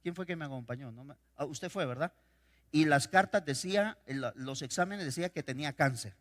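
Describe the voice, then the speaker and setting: A male pastor preaching a sermon, swinging between loud declarations and quiet storytelling. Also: on the high side, a little fast. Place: church sanctuary. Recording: reverberant church hall.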